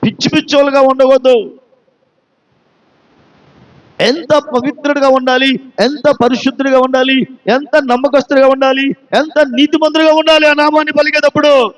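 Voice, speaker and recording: Pastor, male, Telugu accent, very high voice, emphatic sermon delivery with rhetorical questions, long hall reverb. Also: little pitch movement, moderate pace, pauses often. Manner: emphatic, repeats phrases.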